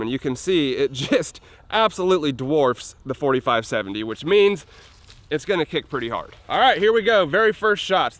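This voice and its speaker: A young man with a stuffed-up, sick-sounding voice, talking excitedly and joking to camera as host of an outdoor shooting vlog. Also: fairly high pitch. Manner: excitable, joking, laughs often. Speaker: gun channel host. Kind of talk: casual vlog talk to camera.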